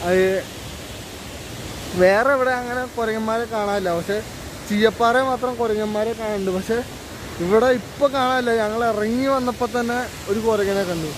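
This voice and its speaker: A man's voice: sits high, steady tone, moderate pace. A man in his twenties with a Kerala Malayali accent, chatting casually to vlog viewers and mixing English words into his Malayalam. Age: 20s. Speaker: travel vlogger. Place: outdoors by roadsides, dam and waterfall. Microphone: handheld phone at arm's length. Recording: noisy outdoor roadside, wind and traffic.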